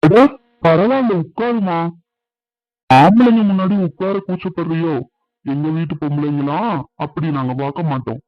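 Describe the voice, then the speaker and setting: An earnest, middle-aged village family man in a cartoon, played by a man. His voice sits fairly high for a man and carries a plain, conversational manner. The recording is dry and a bit dull, like a lo-fi studio dub. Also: normal speed, pauses often, dry recording, lightly acted. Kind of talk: cartoon dubbing.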